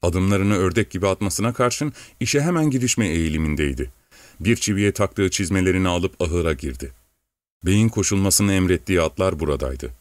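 A man narrating an audiobook in a steady, measured reading. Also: deep voice, no room sound.

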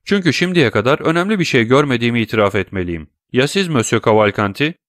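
A man voicing a blunt, unimpressed banker with a brisk, dismissive manner. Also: mid-range voice, expressive, fairly bright tone, dry recording, studio quality, voice pushed up, close to an everyday voice.

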